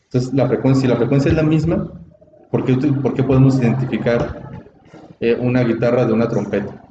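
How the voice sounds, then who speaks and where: A man's voice: medium pitch, fairly even intonation, brisk. A man teaching a class on speaking in public, explaining step by step and often checking that his students follow. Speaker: workshop instructor. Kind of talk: classroom lecture. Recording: echoey room, dull audio, background noise.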